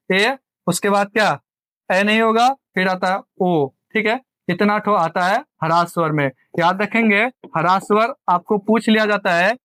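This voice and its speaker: High-voiced tutor, dry sound. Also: male voice, fairly bright tone, dry recording. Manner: repetitive, asks and answers own questions. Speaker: teacher. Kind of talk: exam coaching lecture.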